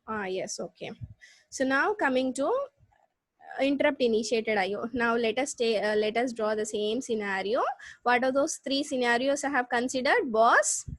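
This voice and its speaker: A woman with a South Indian accent teaching a live online class, explaining step by step with repeats and halting restarts. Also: fairly high pitch, no echo. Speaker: computer science lecturer. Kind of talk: live online lesson with check questions.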